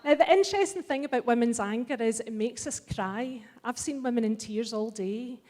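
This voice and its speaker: This festival speaker, a middle-aged Scottish woman, addresses a live crowd with blunt, wry passion in a large hall full of long reverb. Her voice is on the high side and a little mellow, at a normal speed.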